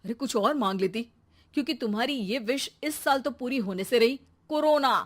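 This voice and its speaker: A woman's voice: a little high, normal speed, lightly acted. A woman voicing an irritated office-working father, complaining dryly in a children's cartoon story. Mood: teasing. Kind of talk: animated children's comedy story.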